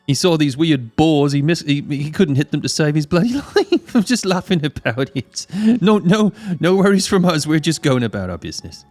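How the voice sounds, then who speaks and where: A man's voice: on the high side, very animated, moderate pace, hardly any pauses, darkish tone, dry recording, voice pushed up. A man voicing a shifty, chummy roadside hunter in a tabletop game, stammering evasively and calling people mate.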